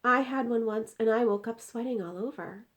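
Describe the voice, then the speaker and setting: A woman's voice: fairly high pitch, normal speed, pitched above the performer's own voice, natural voice. A woman voicing a curious, alarmed young girl in a storybook, questioning and exclaiming.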